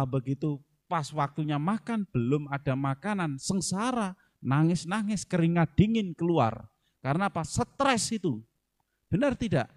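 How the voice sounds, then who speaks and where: A man's voice: medium pitch, a little mellow. A middle-aged man from Indonesia, a Buddhist monk, gives a humorous dhamma sermon to a congregation, asking them questions directly.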